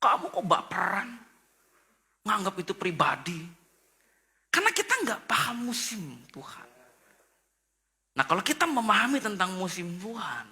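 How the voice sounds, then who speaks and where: A male pastor giving a sermon at an online church service, telling stories in an animated way and acting out characters with sudden high exclamations. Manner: mixes in English phrases.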